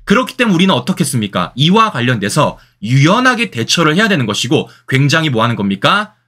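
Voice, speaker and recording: A man hosts solo political commentary, speaking directly to viewers in a fairly high, sharp, sing-song voice at a fast clip. He fires rhetorical questions at them and repeats key phrases for emphasis.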